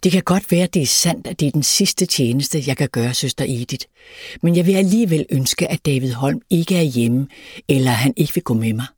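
A man voicing a reluctant, agitated male Salvation Army soldier, with a husky voice. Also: on the high side, no room sound, clean studio sound. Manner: pleading and indignant.

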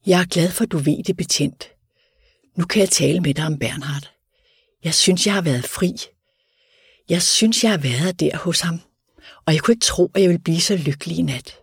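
Male reader as dying convict, longing and eager, higher raised delivery. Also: creaky, long pauses, breathy edge, dry recording, clean studio sound, exaggerated voice. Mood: moved.

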